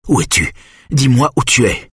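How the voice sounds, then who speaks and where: A man's voice: medium pitch, lively intonation, normal speed, fairly bright tone, husky, no echo, clean studio sound, pitched above the performer's own voice. A man voicing a desperate father calling out for his son on the phone in an audiobook, with urgent, anxious questions. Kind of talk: audiobook character voice.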